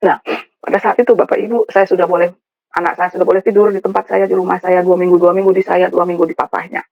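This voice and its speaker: This Sundanese woman from West Java talks fast in a lowish, fairly monotone voice with vocal fry. Sharing a heartfelt testimony before her church, she often addresses the congregation directly, and the audio is dull and dry.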